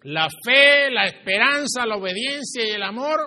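A man preaching a sermon as pastor to his church, swinging his pitch and volume for emphasis. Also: normal speed, sharp tone. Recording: reverberant hall.

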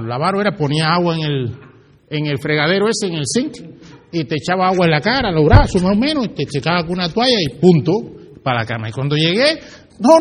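A man preaching a sermon to a congregation, animated and storytelling, asking the listeners questions. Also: high-pitched. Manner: animated, asks the audience questions and tells stories.

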